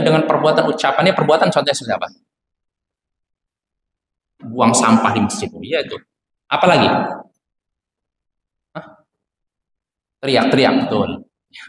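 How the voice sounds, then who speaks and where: A man's voice: lowish voice, a bit bright. A male Islamic teacher giving a religious lesson to children in a mosque, constantly quizzing his listeners with questions. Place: mosque prayer hall. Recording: echoey hall with faint ambient noise.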